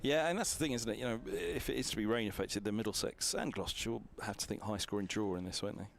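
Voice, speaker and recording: Male cricket commentator, lowish gravelly voice, chatty analytical style, thinks out loud. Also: fast, a little hiss or hum. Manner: chatty, thinks aloud with fillers. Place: commentary box on a balcony above the ground.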